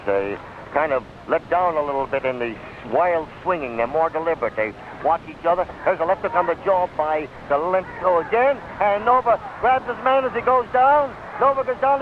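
An American man with a high-pitched voice speaks at normal speed, giving live boxing commentary blow by blow in 1930s radio fashion. He's at ringside in an outdoor stadium, and the recording is a tinny, noisy 1939 radio broadcast.

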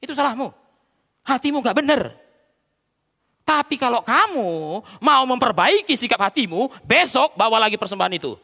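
A man's voice: high-pitched, sing-song, brisk, vocal fry, bright, forceful tone, pitched above the performer's own voice, heavily acted. A man pastor quoting God as he scolds an angry man with stern questions, in a reverberant church. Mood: rebuking.

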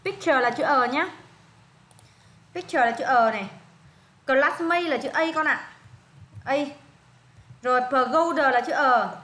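A woman's voice: high-pitched, unhurried, pauses often, fairly bright tone, echoey room. A woman with a Vietnamese accent tutoring a student one-on-one in English pronunciation, patiently repeating words and prompting answers.

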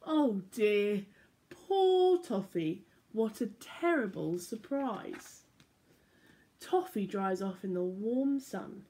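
Reading picture books to children, a young church storyteller speaks slowly at a medium pitch, her voice swooping up and down with lively expression. She records in her living room on a laptop or phone camera held at arm's length, playful and clear, adding sound effects.

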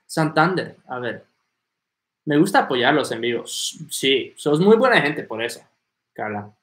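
A man's voice: medium pitch, very animated, measured pace, fairly bright tone. A man teaching English on a livestream, greeting viewers by name and moving between Spanish and English. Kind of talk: live Q&A, reading viewer comments. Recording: echoey room.

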